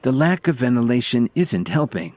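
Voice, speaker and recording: A man's voice: medium pitch, sing-song, normal speed, voice pushed up, natural voice. A man voicing a solemn, focused female doctor giving firm instructions, in an audiobook with tinny phone-like audio.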